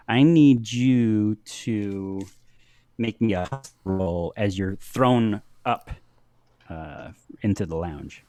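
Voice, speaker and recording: A man narrating a tabletop game as game master, halting with many restarts and frequent laughter. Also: lowish voice, darkish tone, no echo.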